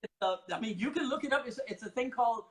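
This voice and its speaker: High-voiced playful male host. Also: animated, quick pace, a little hiss or hum, rough recording. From Barbados. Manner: playful and teasing, reads notes aloud. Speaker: podcast host. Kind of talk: casual interview questioning.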